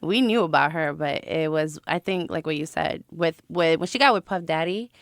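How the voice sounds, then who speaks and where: A woman from Puerto Rico, a guest on a podcast, chatting in a lively, laughing way about pop culture. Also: low-pitched, normal speed, no echo, studio quality. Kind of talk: casual interview chat.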